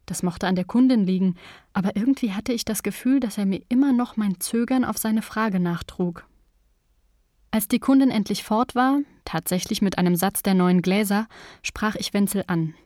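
A woman reading a novel aloud in the first person, calm and measured. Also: medium pitch, no room sound, clean studio sound. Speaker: audiobook narrator. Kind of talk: scripted first-person narration.

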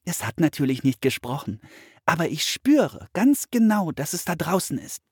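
A man voicing an eager, excitable young girl in a storybook reading, high and breathless. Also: normal speed, breathy edge, no room sound, studio quality.

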